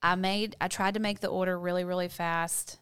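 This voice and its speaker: Gossipy, candid woman with a very clear voice. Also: on the low side, little pitch movement, fairly quick, fairly bright tone. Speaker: video blogger. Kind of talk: casual storytime chat to viewers.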